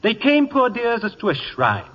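An actor playing a witty, vain English playwright with a breathy, theatrical manner in a 1950s radio drama. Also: male voice, very high-pitched, wildly swooping pitch, moderate pace, exaggerated voice. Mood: flamboyant. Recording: dull lo-fi 1950s radio broadcast with long reverb.

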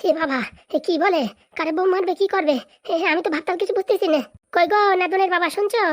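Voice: extremely high pitch, fast. A voice actor playing a worried village mother who pleads and frets over her son. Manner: anxious, pleading. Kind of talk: comic cartoon voice acting.

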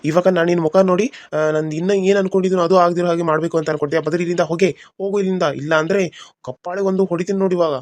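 A man's voice: high-pitched, level tone, fast talker, a little mellow, no echo, close to an everyday voice. A man voicing a moody young husband in a cartoon serial, brooding and harsh by turns. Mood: angry. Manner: brooding, harsh, then pleading. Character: young husband, moody, torn between two women.

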